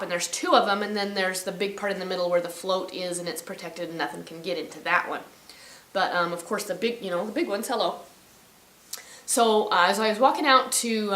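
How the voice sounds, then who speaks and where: A woman's voice: mid-range voice, a bit bright, reverberant. A woman vlogging from her ranch, telling a story casually and rambling, often correcting herself. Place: outdoors on a ranch.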